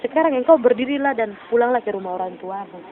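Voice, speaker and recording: A woman voicing a solemn angel who speaks gravely and firmly, over noisy phone-like audio. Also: a little high, expressive, quick pace, natural voice. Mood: stern. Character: commanding angel, solemn messenger.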